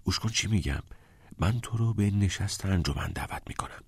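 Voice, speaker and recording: A man's voice: medium pitch, animated, a little mellow, no room sound, clean studio sound, pitched above the performer's own voice. A man doing an eager, pushy schoolboy. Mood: hushed. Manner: urgent, pleading.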